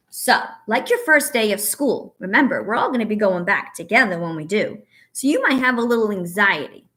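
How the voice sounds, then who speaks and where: Reading aloud to little kids and walking them through a breathing exercise, a woman teacher uses an expressive, storybook style that is both instructive and encouraging. Her pitch runs on the high side.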